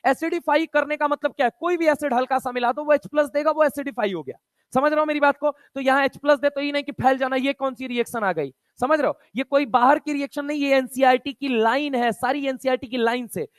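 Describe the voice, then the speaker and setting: A man with a very high-pitched voice teaches a chemistry lesson. He fires rapid questions at his students, counts atoms aloud and slips between Hindi and English textbook phrases with casual, chummy energy. The sound is dry and close, with no room around it. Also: dry recording. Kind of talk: online chemistry lecture.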